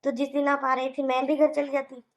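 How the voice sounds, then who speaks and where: A woman voicing a patient young housewife in a cartoon, reasoning gently and pleading with a Hindi accent. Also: sits high, flat delivery, a little fast, dull audio, close to an everyday voice. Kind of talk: cartoon voice acting.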